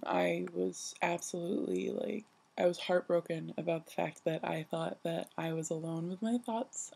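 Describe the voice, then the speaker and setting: A young adult woman who just woke up, talking in a sleepy, casual vlog style, rambling haltingly and self-deprecatingly with a husky, creaky voice. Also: lowish voice, a little mellow. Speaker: vlogger. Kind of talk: casual personal vlog monologue.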